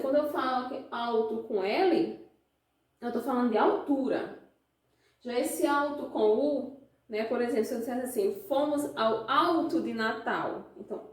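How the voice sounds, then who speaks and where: Slow, high-voiced Brazilian teacher in an echoey room. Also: female voice, a little mellow, distant mic. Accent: Brazilian Portuguese. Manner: explains slowly, asks the class frequent check questions. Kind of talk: classroom lesson.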